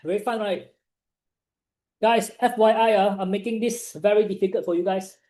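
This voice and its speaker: High-pitched young Malaysian man, colloquial Singlish-like tutor. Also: normal speed, roomy sound. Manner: animated, encouraging, peppering talk with "right" and "ah". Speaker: chemistry tutor. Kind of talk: live online lesson, informal Singlish-like colloquial English with local particles.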